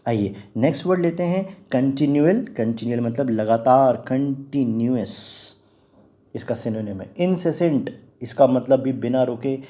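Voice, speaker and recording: A man's voice: mid-range voice, moderate pace, dark tone. A man with an Indian accent teaching English vocabulary in Hindi, patiently repeating and spelling out words. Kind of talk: explaining word meanings in Hindi with English terms.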